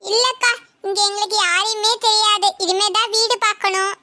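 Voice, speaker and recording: A very high voice playing a timid, tearful young village girl in a cartoon, speaking meekly. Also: fairly even intonation, normal speed, sharp tone, full character voice. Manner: meek, pleading.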